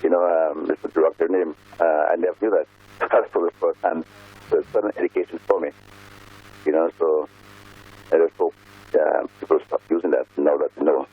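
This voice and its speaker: A man's voice: extremely low pitch, steady tone, brisk, slightly rough. A man speaking casually as a guest caller over a landline phone. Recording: muffled, choppy landline phone call.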